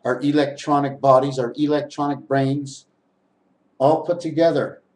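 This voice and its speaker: A man's voice: mid-range voice, fairly even intonation, normal speed, darkish tone, rough recording. A man giving a rambling spiritual monologue to the camera, spinning wordplay out of letters and numbers and talking to viewers as his friends. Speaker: vlogger. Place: at home, on camera.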